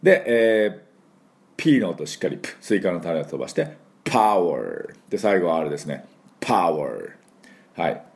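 Deep-voiced man teaching pronunciation playfully. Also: very animated, fairly quick, darkish tone. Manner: playful, acts out sounds and exaggerated drills. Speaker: English pronunciation teacher and host. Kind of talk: lively pronunciation lesson.

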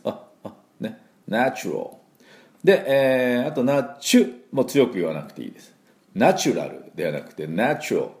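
A Japanese man teaching English pronunciation in a weekly lesson, drilling words slowly with lots of pauses and fillers. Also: lowish voice, vocal fry, mellow. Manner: slow, repetitive drilling with many fillers.

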